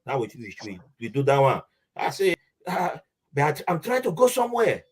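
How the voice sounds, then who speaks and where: Here the pitch is fairly high, the pace normal, the tone husky. With a Nigerian accent, he spins a casual tale as a podcast guest, animatedly dropping into Pidgin and voicing the people he quotes.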